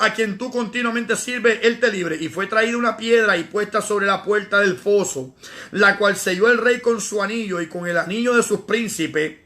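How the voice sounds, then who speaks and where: High-voiced, animated male evangelist. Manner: animated, slangy asides, dramatic scripture reading. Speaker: evangelist teaching a Bible study. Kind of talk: lively Bible study sermon.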